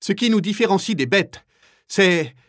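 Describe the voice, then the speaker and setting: A man's voice: high voice, animated, moderate pace, pitched above the performer's own voice. A man doing Martin, a fierce defiant prisoner.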